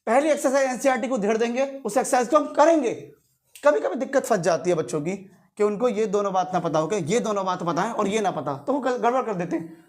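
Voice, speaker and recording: A man's voice: sits high, lively intonation, fast. A male teacher giving a classroom lecture, quizzing his students in call-and-response and repeating key terms to stress them.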